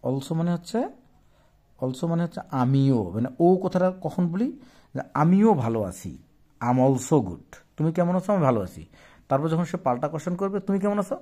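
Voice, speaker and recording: A man's voice: on the high side, expressive, warm tone. A man teaching a children's English lesson, explaining patiently and repeating and spelling out each word. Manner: slow, patient, repeats words and spells them out; mixes Bengali explanation with English phrases. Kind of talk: classroom lesson explaining a textbook page.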